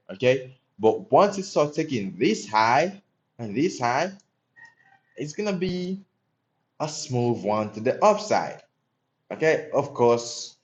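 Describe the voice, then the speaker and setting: Over a muffled recording, a fairly low-pitched male voice belongs to a young day trader from Haiti. He comments on his trades live and banters profanely and casually with his chat.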